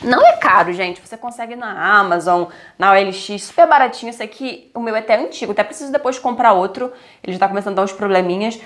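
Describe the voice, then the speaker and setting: Fast-talking Brazilian woman vlogger. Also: medium pitch. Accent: Brazilian Portuguese. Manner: chatty, lively, many "tá?" and "né?" tags. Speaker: YouTube tips vlogger. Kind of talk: casual tutorial vlog. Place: indoors at home, lit by a softbox. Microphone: lapel mic clipped to her blouse.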